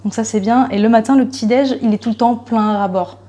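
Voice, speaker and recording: A young woman travel vlogger with a fairly high, mellow voice chats casually and briskly as she walks through a guest house on a walking tour. Talking into a handheld camera, she uses many fillers and restarts.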